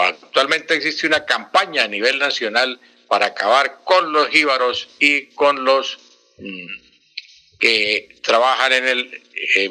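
A man explains language on a radio segment, stressing each key word and saying it again slowly. His voice is very bright and cutting, with a middle pitch. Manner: emphatic, repeats words slowly to teach. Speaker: language expert guest.

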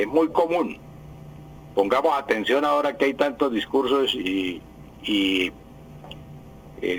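A man's voice: medium pitch, a little hiss or hum, poor audio. A man, a language professor on a radio show, explaining correct usage in a didactic way and repeating the right form. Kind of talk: radio language advice segment.

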